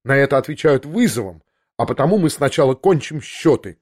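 A man's voice: mid-range voice, lively intonation, fairly quick, a little mellow, lightly acted. A man doing a scornful, arrogant prince. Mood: mocking. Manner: contemptuous, cutting and mocking. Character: arrogant aristocratic prince, scornful, pacing in anger. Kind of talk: audiobook character reading.

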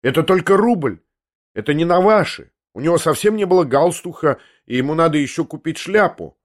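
A man's voice: on the high side, animated, fairly quick, voice pushed up, lightly acted. A man voicing a pampered, petulant young man who answers sulkily and flares up. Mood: sulky. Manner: sulky, then sharply indignant.

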